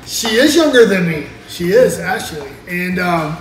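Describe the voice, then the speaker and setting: A man's voice: high voice, normal speed, background noise. A man in his forties answering fan questions on his vlog in a playful, joking way while seated at a table indoors. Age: 40s. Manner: jokey, playful, expressive hand gestures. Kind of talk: casual Q&A chat. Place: small indoor room at a table. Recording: echoey room, distant mic, music behind.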